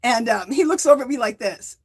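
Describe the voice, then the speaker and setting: A woman's voice: on the high side, animated, fairly quick, breathy edge. A woman hosting a yarn crafting livestream, chatting casually with viewers, reading their comments aloud and laughing often, stressing her points with "okay?" and "Hello?". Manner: emphatic, tags lines with "okay?" and "Hello?". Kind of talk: casual chat with live viewers.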